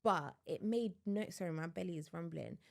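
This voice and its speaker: A young adult woman co-hosting a podcast, telling a story in casual chat with lively animation and frequent laughter. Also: on the low side, normal speed, gravelly. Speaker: podcast co-host.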